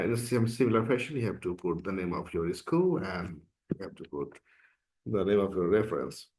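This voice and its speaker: A Bangladeshi man whose first language is Bangla, speaking English as a non-native speaker, walks through an application form step by step in a screen-recorded tutorial. His voice is lowish and a little mellow. As the course instructor, he keeps things casual and explanatory, often saying "uh" and "okay."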